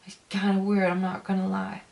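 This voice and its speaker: A woman giving a casual video review, ranting emphatically in a halting, repetitive way. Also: mid-range voice, completely flat delivery, vocal fry, darkish tone. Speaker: film reviewer.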